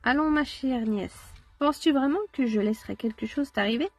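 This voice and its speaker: A woman's voice: high voice, moderate pace, darkish tone, soft background music. A woman voicing a mysterious fairy aunt with a wand, who speaks in lofty, sage-like phrases. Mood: sagely.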